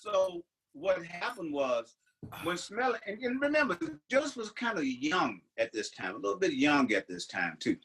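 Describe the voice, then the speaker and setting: An older man from the United States co-hosts a podcast, telling rambling stories in casual chat and often beginning sentences again. He speaks at normal speed in a high, sing-song voice that is fairly bright with a breathy edge. The recording is rough.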